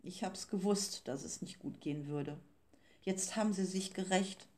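A woman reading as a slow, worried old man. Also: fairly low pitch, a little mellow, natural voice. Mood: anxious. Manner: slow, halting and breathless. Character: old male street sweeper, slow-spoken, worried.

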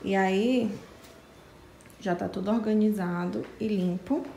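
Speaking directly to viewers, this young female vlogger films a relaxed home video on a handheld camera, moving between her kitchen and living room. She talks slowly in a steady, medium-pitched voice with vocal fry and a dark tone. A little hiss or hum runs through the recording.

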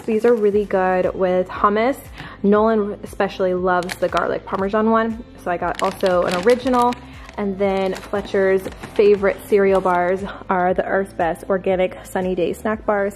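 A woman's voice: mid-range voice, steady tone, normal speed. A woman in her thirties, a family vlogger, chatting casually and in a friendly way with her viewers as she shows her groceries in a large home kitchen. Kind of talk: casual grocery haul chat.

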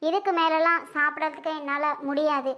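A woman's voice: sits high, level tone, fairly quick, bright, forceful tone. A woman playing a sulking pregnant young wife who wearily refuses food and stays defiant, in a family drama skit. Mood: sulky. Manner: sulky, weary refusals.

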